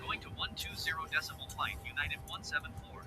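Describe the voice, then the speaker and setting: A man's voice: a little high, fairly even intonation, fast talker, loud music behind the voice. A man speaking as an airline pilot over a cockpit radio headset, using clipped radio phraseology. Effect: cockpit radio headset transmission. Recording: noisy distant radio audio.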